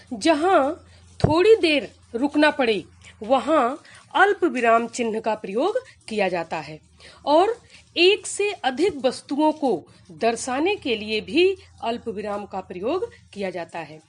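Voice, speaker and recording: A woman teacher explaining grammar to school students, slowly and deliberately, working through examples. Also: high voice, very animated. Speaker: Hindi teacher.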